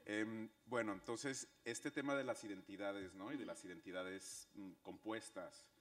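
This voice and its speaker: A man with a Mexican accent moderating a panel talk, joking dryly and pausing on fillers. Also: fairly low pitch, big pitch swings, a bit bright, big-room sound. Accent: Mexican Spanish.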